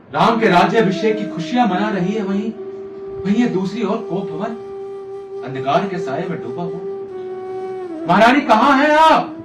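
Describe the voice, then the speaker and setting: Man acting high, impassioned King Dashrath on stage. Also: lightly acted. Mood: uneasy, searching. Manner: declamatory, grandiose, dramatic swings from hushed to loud. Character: lovesick, anguished emperor pleading with his sulking queen. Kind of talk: theatrical Hindi stage monologue from a Ramayana play. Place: theatre stage, with music behind the voice. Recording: echoey theatre hall, distant mic.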